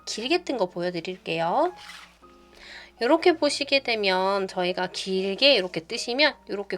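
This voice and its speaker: A woman hosting a crochet tutorial, patiently talking through each step and counting stitches aloud as she demonstrates. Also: medium pitch. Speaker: knitting tutorial host. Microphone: phone camera. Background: soft background music.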